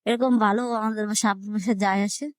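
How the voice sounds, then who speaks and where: At medium pitch and very fast, a woman talks with fairly even intonation in a dry recording. She shares her life story emotionally in colloquial Dhaka-area Bangladeshi Bengali, dramatizing quoted exchanges in dialect.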